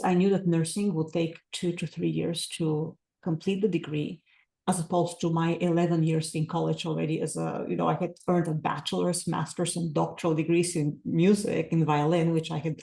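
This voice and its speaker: A woman's voice: low-pitched, vocal fry, warm tone, roomy sound. A woman, a podcast guest talking earnestly and reflectively with many fillers. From Bulgaria. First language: Bulgarian. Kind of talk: casual interview talk.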